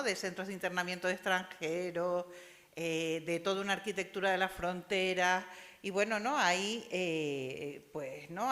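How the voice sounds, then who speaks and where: Asking questions from the audience at an academic panel, a woman from Spain gives a discursive comment in a Spanish accent, often tacking on tag questions. Her medium-pitched voice is a bit bright, and the university lecture hall lends long reverb.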